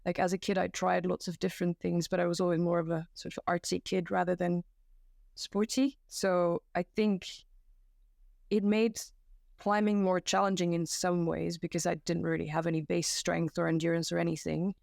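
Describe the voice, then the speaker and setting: Podcast guest: young woman from Belgium, low gravelly voice, chatty and self-deprecating, dry close sound. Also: flat delivery, moderate pace, darkish tone, no echo. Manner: chatty, self-deprecating, many fillers and restarts. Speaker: guest, climbing competition volunteer. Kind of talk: casual podcast conversation. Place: floor of a new room at home. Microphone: home setup.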